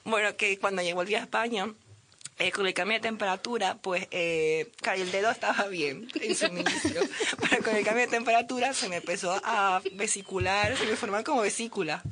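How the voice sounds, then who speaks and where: Woman, radio guest, halting, filler-heavy, bright, mid-pitched. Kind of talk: casual storytelling.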